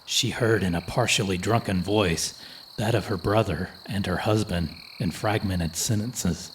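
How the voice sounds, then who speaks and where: A man reading a folklore horror story as a slow, measured, solemn scripted narration. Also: low voice, slight background noise. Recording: music playing under the voice.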